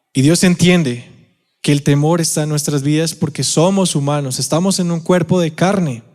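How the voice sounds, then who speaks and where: A man with a Colombian accent preaching a sermon in a church auditorium, telling the story with animated acted-out quotes and questions to the congregation. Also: on the high side. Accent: Colombian Spanish. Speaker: pastor. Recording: long hall reverb.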